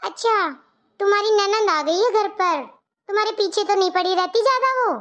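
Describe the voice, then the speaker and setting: A doting older mother longing for her daughter, as a woman puts her on, warm and wistful, very high pitched. The audio is dull and lo-fi. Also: moderate pace. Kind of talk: cartoon story voice acting.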